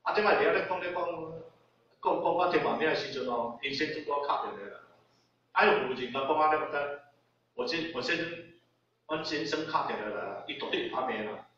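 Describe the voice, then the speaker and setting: A middle-aged man with a Taiwanese accent lectures a dharma class in a Buddhist hall, his voice bright and a little high. He keeps firing rhetorical questions and acts out the people in his stories. The sound is distant and heavily echoey, dull and lo-fi. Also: lively intonation, a little fast.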